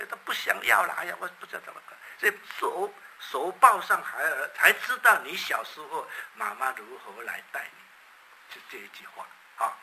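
An older man, a church elder, preaching a sermon with animated storytelling, acting out parents and children in dialogue. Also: fairly high pitch, slight background noise, poor audio.

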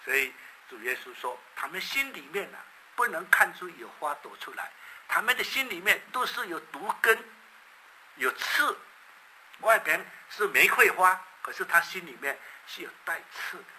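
Animated older man preaching a sermon. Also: high-pitched, moderate pace, slight background noise, poor audio. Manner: animated storytelling, acts out parents and children in dialogue. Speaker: church elder preaching.

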